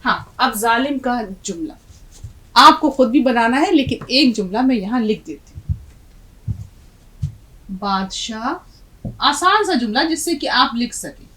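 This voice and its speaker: A woman teaching an Urdu lesson, reciting a poem and slowly spelling out letters to her students. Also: on the high side, lively intonation, pushed and bright. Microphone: lesson video.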